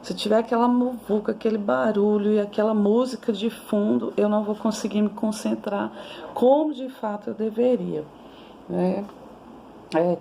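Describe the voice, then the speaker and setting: A Brazilian woman in her forties gives a recorded lecture on early childhood education, speaking conversationally with frequent restarts and "né?" tagged onto her sentences. Her voice is medium-pitched, creaky and dark in tone, with slight background noise.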